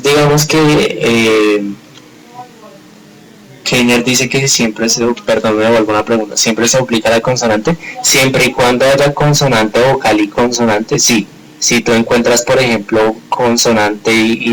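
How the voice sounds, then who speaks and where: A man's voice: mid-range voice, steady tone, unhurried, fairly bright tone, rough recording. A man teaching a live grammar class, explaining step by step in a patient way and checking often that students follow. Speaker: English teacher.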